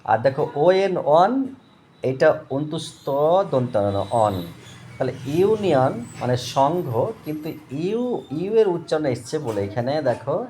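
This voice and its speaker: A man's voice: mid-range voice, mellow, slight background noise. A man teaching English grammar to students, spelling out words and often checking "okay?". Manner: slow, repeats and spells out words, asks "okay?". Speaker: English tutor.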